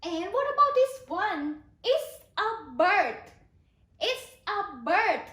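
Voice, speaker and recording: A Thai-accented woman teaches young children online in a very high, bouncy voice that swoops up and down. She speaks slowly and leads them through repeated questions in a sing-song way, sounding hoarse. The echoey room adds a roomy ring to her voice. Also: big pitch swings, fairly bright tone. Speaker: kindergarten English teacher.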